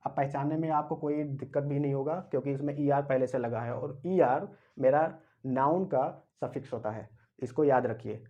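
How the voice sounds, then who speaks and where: A man's voice: medium pitch, warm tone, dull audio. A man teaching English grammar, explaining step by step, spelling words out and asking and answering his own questions. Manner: spells out and repeats words slowly. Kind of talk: classroom-style grammar lecture.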